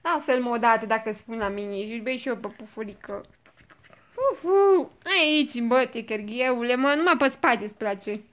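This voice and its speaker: A woman's voice: fairly high pitch, hardly any pauses, a bit bright. A woman at home filming her puppy on a phone, calling and cooing at it in sing-song bursts. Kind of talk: playful home video chat. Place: at home, indoors. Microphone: phone camera.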